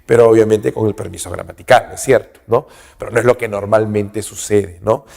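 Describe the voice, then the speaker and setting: A man teaching an English grammar lesson, speaking slowly, checking in with "¿no?" and "¿ok?" after nearly every phrase, and saying English words louder and higher before their translation. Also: steady tone, gravelly. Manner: slow and repetitive, checks in with "¿no?" and "¿ok?" constantly. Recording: long hall reverb.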